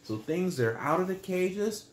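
Gentle bedtime storyteller man. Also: high-pitched, lively intonation, measured pace, echoey room, slight background noise. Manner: gentle, explains the story to children. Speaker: storyteller, channel host.

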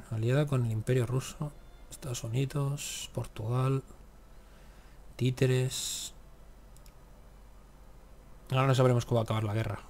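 At a measured pace with long pauses, this man narrates a strategy game let's-play in a medium-pitched, slightly mellow voice with fairly even intonation. The gaming YouTuber talks to himself, grumbling and swearing at the game.

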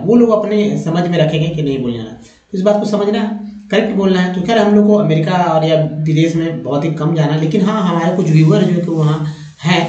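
A man's voice: sits high, a little mellow. Man, pronunciation lesson, step-by-step explaining, repeats each word, echoey room, dull lo-fi sound. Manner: explains step by step, repeats words and addresses viewers as friends. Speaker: English teacher.

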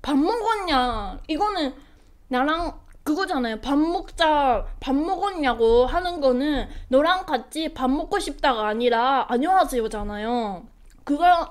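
A young woman with a Japanese accent and a stuffy nose, chatting playfully with her live-stream viewers and answering their comments. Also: sits high.

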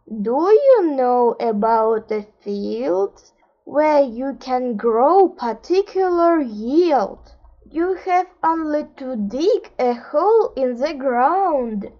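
A woman voicing a pair of sly, scheming animal swindlers in a slow, rhymed storybook reading. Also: sits high, dark tone, lo-fi sound, voice pushed down, full character voice. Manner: wheedling, conspiratorial.

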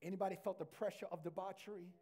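Male pastor, high voice, preaching with call-and-response, live church mic. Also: steady tone, mellow, breathy edge. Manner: reads scripture aloud, slowing down to stress key phrases. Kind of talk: sermon. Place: church sanctuary.

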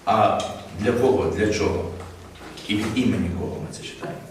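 A man's voice: on the low side, fairly quick. A man leading a master class on audiobook narration, explaining technique and demonstrating how to read, in an improvised studio. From Ukraine. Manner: explaining, demonstrating readings, light laughs. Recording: very echoey room, distant mic, faint noise.

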